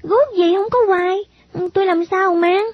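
A woman's voice: extremely high pitch, moderate pace, pitched above the performer's own voice. A woman voicing a poor, timid young girl, in a storybook reading. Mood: puzzled. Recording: dull lo-fi recording.

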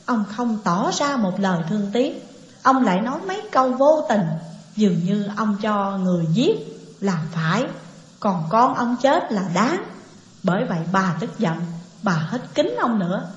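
A woman's voice: mid-range voice, big pitch swings, moderate pace. Woman narrating a novel, echoey. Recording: echoey dull lo-fi recording.

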